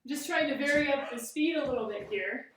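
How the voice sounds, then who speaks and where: A woman with a fairly high voice instructs a fencing exercise step by step. She is recorded at some distance from the microphone, and the room echoes heavily around her words. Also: a little fast, fairly bright tone, slight background noise. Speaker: fencing coach. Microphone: camera at a distance.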